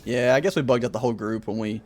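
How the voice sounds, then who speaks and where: A man's voice: medium pitch, fast talker, a little mellow. A man in casual gameplay chat, giving plain directions to his group while streaming. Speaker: game developer leading a play session.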